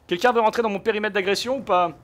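A young man giving casual gameplay commentary, chatting to viewers and bursting into angry shouts when he loses. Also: high-pitched, very fast. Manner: excitable, bursts into rage shouts. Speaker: gaming YouTuber.

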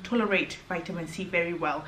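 In a hotel room, a beauty vlogger in her thirties who isn't a native English speaker gives a casual, earnest skincare review to a camera held at arm's length, restarting often. Her voice is fairly low, fairly quick, and fairly bright. The room echoes, with a faint hum behind her.

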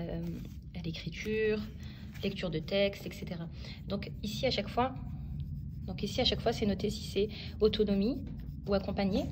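With some background noise behind her, a mid-range voice belongs to a woman in her thirties who home-schools her kids. She narrates a casual vlog from home, talking and explaining while she teaches them.

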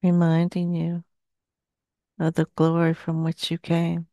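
A woman in her sixties plays a seance medium in trance, speaking solemnly in a very level pitch with long pauses between short phrases. She is recorded dry and close on a headset with no echo, in a small, dim indoor room.

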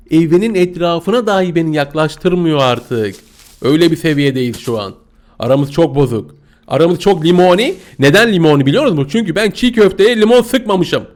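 Squealing excitable young male gamer. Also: a little high, normal speed. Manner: playful, squealing, giggly, talks to viewers. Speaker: gaming YouTuber. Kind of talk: excited gameplay commentary.

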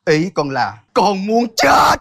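A woman's voice: medium pitch, big pitch swings, slow, creaky, exaggerated voice. A woman playing a fed-up wife who defiantly rebels against her husband in a stage comedy sketch. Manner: defiant, dramatic.

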